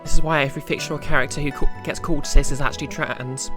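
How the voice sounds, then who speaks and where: Low-voiced woman streaming. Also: steady tone, fast. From United Kingdom. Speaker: game streamer. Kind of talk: casual livestream chat. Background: music.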